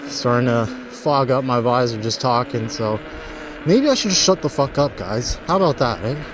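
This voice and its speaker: This man has a medium-pitched, lively voice and a moderate pace. He's filming a casual vlog on an electric unicycle out on the paths, talking loosely with some cursing into a mic on his helmet. The recording picks up wind and traffic sounds.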